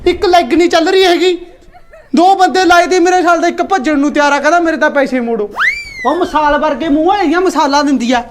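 A woman's voice: high-pitched, a little fast, noisy background, lightly acted. A woman playing a boastful village husband who rambles on about a get-rich scheme in a comic sketch. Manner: bragging, rambling, talks over his wife.

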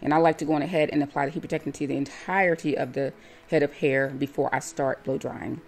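A woman with a notably low voice talks through a hair tutorial as a voice-over. She explains each step calmly and plainly, like a stylist teaching viewers. Soft music plays faintly underneath. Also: quick pace, gravelly. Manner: calm, step-by-step instructive.

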